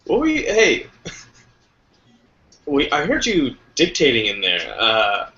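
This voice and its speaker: A man's voice: mid-range voice, huge pitch swings, takes it slowly, pushed and bright, muffled recording, full character voice. A man playing a laid-back roommate in an improv comedy scene, easygoing and defensive, later boiling over. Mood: wry. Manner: easygoing, defensive, escalating to outburst. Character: laid-back roommate cooking late brunch.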